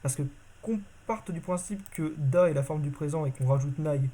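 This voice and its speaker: A man with a warm, fairly high voice, speaking at normal speed, teaches a constructed language in a casual video. He's informal, uses lots of fillers, and regularly corrects himself partway through sentences.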